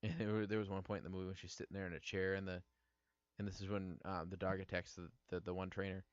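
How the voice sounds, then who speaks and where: A man's voice: deep voice, level tone, fast, no room sound. A man co-hosting a podcast, retelling a movie in a casual, rambling way with fillers and restarts. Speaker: podcast co-host. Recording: dull lo-fi podcast audio.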